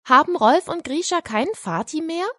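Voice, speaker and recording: A woman voicing a curious little girl in a storybook reading, high and questioning. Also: expressive, moderate pace, bright, forceful tone, no echo, clean studio sound.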